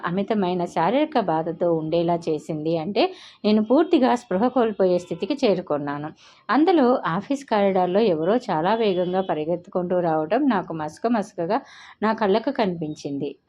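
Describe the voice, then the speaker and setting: Woman narrating a dramatic novel. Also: mid-range voice. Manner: dramatic, emotional storytelling. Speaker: storyteller. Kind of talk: first-person novel narration. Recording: slightly dull lo-fi audio.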